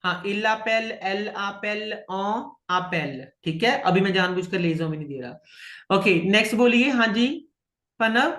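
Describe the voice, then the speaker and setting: A man's voice: sits high, unhurried, sharp tone, reverberant. A man with an Indian accent teaching French to students, patiently repeating words and checking that they follow. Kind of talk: online French lesson.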